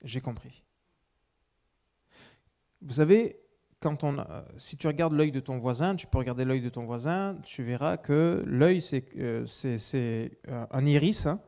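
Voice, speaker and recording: A man preaching, telling a personal testimony with many restarts, swinging between loud emphasis and hushed asides. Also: mid-range voice.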